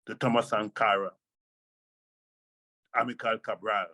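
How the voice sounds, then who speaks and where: A man's voice: lowish voice, fairly even intonation, a little slow, sharp tone, no echo. An older man speaking as a Rastafari elder, reasoning in Rasta speech with an emphatic, repetitive, oratorical delivery. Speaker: Rastafari elder being interviewed.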